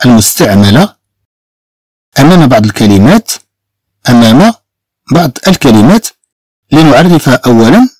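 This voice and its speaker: A Moroccan man gives a beginner lesson in a dry, close voice-over with no room sound. His pitch rises and falls in lively swings as he says each word slowly, then repeats it two or three times so learners can copy him. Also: no room sound. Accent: Moroccan Arabic. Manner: slow, repeats each word several times to drill pronunciation. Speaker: French teacher.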